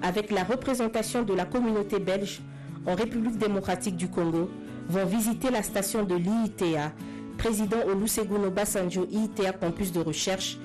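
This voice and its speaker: A woman's voice: medium pitch, fairly quick, darkish tone, faint music behind. A woman reading a news report in a formal announcement style. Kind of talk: scripted news narration.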